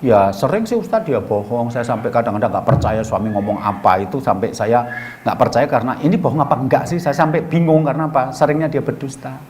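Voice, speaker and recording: A man's voice: mid-range voice, animated, fast, a little mellow, a little hiss or hum. A middle-aged man giving a colloquial storytelling sermon as a preacher, acting out both sides of the dialogues he recounts.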